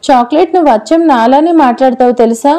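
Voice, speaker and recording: A small, affectionate little girl chatters away in a storybook reading, voiced by a woman. Her voice sits high and sweet, with a warm, mellow tone. She pouts and prattles like a child. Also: fast talker, lightly acted. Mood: chatty.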